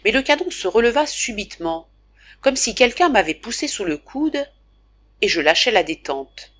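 A woman narrating a classic novel as an audiobook, reading in a measured, expressive way. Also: on the high side, highs cut off.

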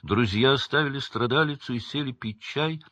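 A man narrating a storybook with an expressive, animated reading. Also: medium pitch, moderate pace, no echo, muffled recording. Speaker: audiobook reader.

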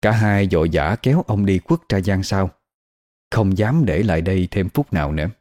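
A man narrating a scripted horror story in a steady, measured way. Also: low voice, no room sound, clean studio sound. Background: faint music.

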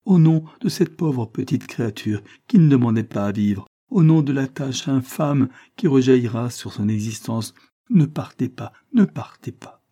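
A man's voice: medium pitch, moderate pace, dark tone, close to an everyday voice. A man reading aloud, voicing a desperate young noblewoman who begs her lover not to leave. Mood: imploring. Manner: impassioned, imploring.

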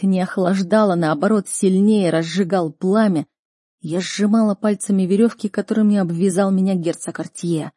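A woman narrating a novel aloud with dramatic, expressive delivery. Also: medium pitch, no room sound, clean studio sound. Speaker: audiobook narrator. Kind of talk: storybook reading.

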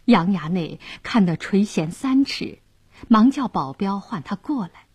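Woman telling an old story, slow and lively, kinda husky voice. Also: mid-range voice, no echo. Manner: vivid, expressive narration. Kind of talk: traditional oral storytelling.

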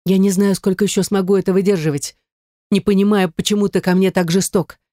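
An audiobook reader voicing a distressed young ex-wife who pleads in a raised, defensive voice. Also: female voice, mid-range voice, fairly even intonation, brisk, dark tone, no echo, clean studio sound, voice pushed up, lightly acted. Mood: upset. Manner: pleading, rising voice. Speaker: audiobook character. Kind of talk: audiobook reading.

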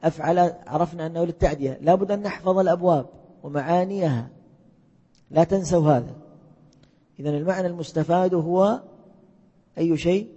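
Husky male teacher in echoey hall. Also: a little high, fairly quick, pauses often, warm tone. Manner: quizzes students and repeats their answers. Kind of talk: classroom lesson with questions to students. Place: lecture hall. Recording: echoey hall, muffled lo-fi sound.

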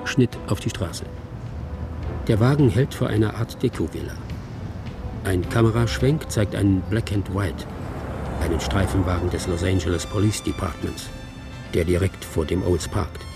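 Music runs under a man's low voice as he reads a screenplay at a moderate pace. He plays a detached male narrator in a radio drama, using short present-tense observations in a detached, suspenseful mood.

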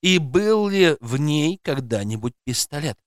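Man, audiobook narrator, animated swinging intonation, dry close recording. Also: on the high side, measured pace, no echo.

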